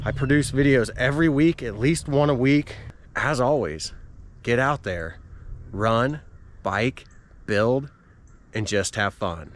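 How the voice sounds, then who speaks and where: A man's voice: mid-range voice, slow pace, long pauses. A man talking casually to his viewers as a running vlogger while out on a walk outdoors. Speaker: running vlogger and channel host. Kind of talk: casual vlog talk to camera.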